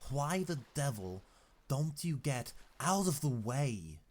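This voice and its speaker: A man voicing a stern, menacing grown man in an audiobook reading, speaking in a deliberate, commanding way. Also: medium pitch, big pitch swings, pitched above the performer's own voice. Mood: angry.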